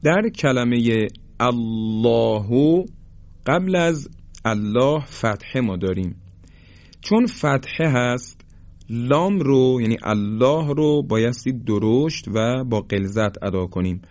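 Man, recitation teacher, slow chanted examples between explanations, mid pitch, dull lo-fi sound. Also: expressive, darkish tone. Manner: explains briefly, then chants examples slowly and drawn out. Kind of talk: tajweed lesson. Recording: dull lo-fi recording.

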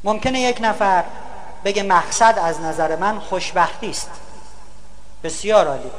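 A man with a high voice gives a lecture on values. He keeps it humorous, telling stories and imitating other people's voices to get laughs. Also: a little hiss or hum. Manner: storytelling, mimicking others for laughs. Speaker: public speaker.

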